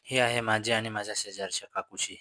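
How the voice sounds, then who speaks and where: A man narrating a first-person story in a steady, monotone reading. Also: fairly low pitch, a little fast, no echo, poor audio. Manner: flat, monotone reading with small restarts.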